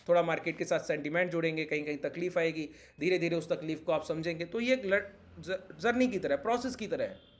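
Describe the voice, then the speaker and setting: A man teaching a trading lesson over a chart, insistent and repetitive, often checking that his point is clear. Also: fairly high pitch. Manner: insistent, repeats points, keeps asking if it is clear.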